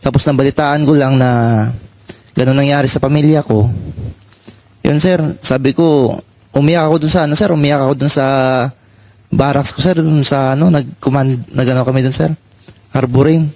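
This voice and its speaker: Halting former marine, dry sound. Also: male voice, medium pitch, fairly even intonation, darkish tone, dry recording. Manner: halting, adds "sir" after nearly every phrase. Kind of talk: personal testimony in an interview.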